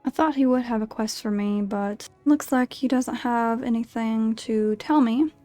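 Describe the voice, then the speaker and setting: A woman's voice: fairly high pitch, unhurried, mellow, soft background music. A woman giving casual gameplay commentary as she role-plays through a video game. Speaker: gamer narrating a role-play playthrough.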